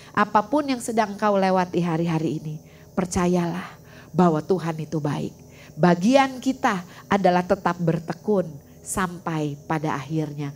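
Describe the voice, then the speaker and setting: A woman's voice: on the low side, a little hiss or hum. A middle-aged woman pastor giving a testimony sermon, often calling out to the congregation and slipping in English phrases. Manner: personal testimony, often addressing listeners as saudara, mixing in English phrases. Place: church sanctuary. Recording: echoey church hall, voice from a distance.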